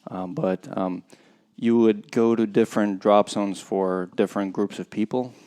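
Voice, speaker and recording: A Russian man in his thirties appears as a podcast guest and skydiving competitor in a casual interview. His voice is lowish, dark, smooth and steady, and he speaks reflectively and without hurry, hesitating with many pauses.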